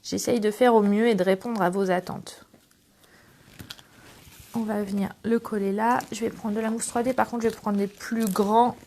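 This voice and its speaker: A middle-aged French woman hosts a casual scrapbooking tutorial on her channel, chatting affectionately with viewers while she works as a craft demonstrator. Her mid-range voice is dark in tone, with fairly even intonation and normal speed.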